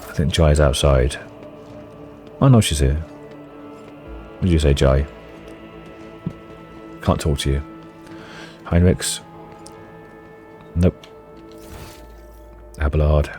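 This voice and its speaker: Very deep, mellow man narrating a game. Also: drawn-out words, long pauses, faint music behind. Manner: rambling, self-mocking asides. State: voice going hoarse. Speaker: let's-play gamer. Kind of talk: casual playthrough commentary and reading game text aloud.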